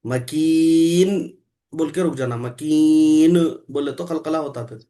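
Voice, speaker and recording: A man's voice: fairly high pitch, unhurried, mellow. A man teaching Quran recitation rules in an online lesson, patiently explaining step by step and quizzing his student.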